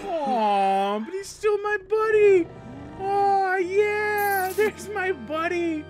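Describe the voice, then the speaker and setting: An excitable cartoon guy, voiced by a performer who chatters and lets out alarmed yelps, pitched high with huge swoops up and down. He sounds like a squeaky, jumpy animated character reacting to his own episodes. Loud music plays underneath him the whole time. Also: extremely slow, exaggerated voice.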